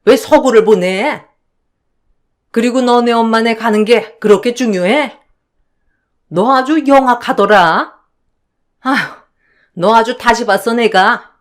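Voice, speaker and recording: A woman's voice: a little high, unhurried, long pauses, lightly acted. A woman voicing an older mother-in-law who scolds and rants, in a radio drama. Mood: ranting. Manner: scolding, shouting, self-pitying sighs.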